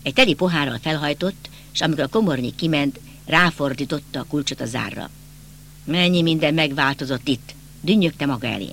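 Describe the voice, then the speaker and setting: Bright-voiced male audiobook narrator. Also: a little high, animated, vocal fry, hardly any pauses, slight background noise. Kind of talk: scripted narration.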